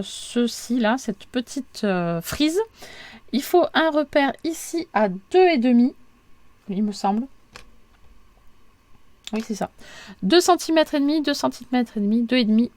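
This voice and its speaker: Woman, high voice, dry close sound, informal craft tutorial, chatty, repeats and checks herself. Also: a little mellow, dry recording. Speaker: craft video creator giving a tutorial.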